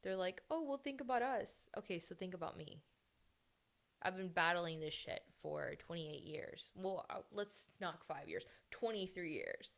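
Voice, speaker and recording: A young adult woman talks frankly into her own podcast, blunt and full of swearing. Her voice sits on the low side, with a gravelly, fry-laden texture. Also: unhurried, fairly bright tone. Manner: blunt, heavily profane venting. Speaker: podcast host. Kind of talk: candid personal monologue.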